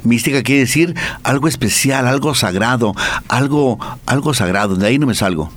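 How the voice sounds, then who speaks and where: A man's voice: mid-range voice, normal speed. A male priest, a guest on a radio talk program, speaking in a reflective, lightly preachy way and often repeating his words.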